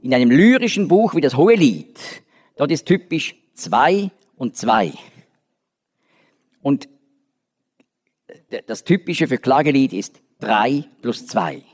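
A man's voice: medium pitch, big pitch swings, slow pace, long pauses, a little mellow. A man giving a Bible study lecture, explaining step by step with frequent restarts and fillers. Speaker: Bible teacher. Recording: long reverb of a large hall.

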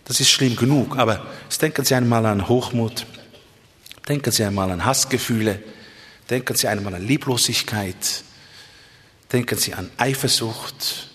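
A man's voice: fairly bright tone, long reverb tail. A man preaching a sermon, impassioned and emphatic, who repeats himself and speaks straight to his listeners. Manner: impassioned, swings between low and high pitch, emphatic repetition; addresses listeners directly, with asides.

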